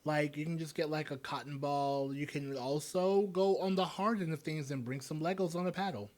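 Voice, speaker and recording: A man's voice: a little high, steady tone, normal speed, darkish tone. A man co-hosting a podcast in casual chat, joking and trailing off into fillers. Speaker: podcast co-host.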